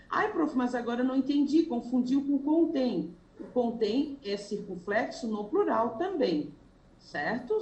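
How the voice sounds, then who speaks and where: A Brazilian Portuguese woman teaching a grammar lesson for exam prep, explaining slowly and voicing her students' questions herself. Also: a little high, a little mellow. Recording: echoey room with faint ambience.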